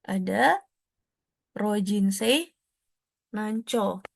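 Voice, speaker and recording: Slow, gravelly-voiced woman tutor. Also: medium pitch, lively intonation, no room sound, studio quality. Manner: explains step by step, drops in foreign technical terms and glosses them; frequent tag questions and soft checking fillers. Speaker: exam prep tutor. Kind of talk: explanatory online lesson.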